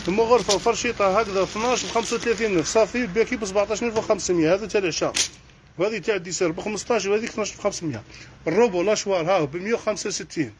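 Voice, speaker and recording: A man's voice: sits high, slight background noise. A man with an Algerian Arabic accent, a kitchenware shop owner on a live sales stream, rattling off one price after another. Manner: rattles off prices in quick succession.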